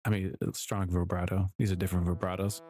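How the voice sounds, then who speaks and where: Speaking quickly in a low voice with little pitch movement, a producer streams as he builds music samples. His commentary is casual and rambling, full of self-corrections and small chuckles as he talks to himself.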